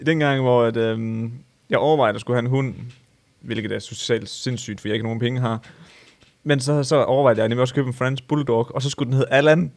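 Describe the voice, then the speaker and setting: Young man joking with loud swearing. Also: mid-range voice, steady tone, creaky. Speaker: podcast co-host. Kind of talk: casual chat.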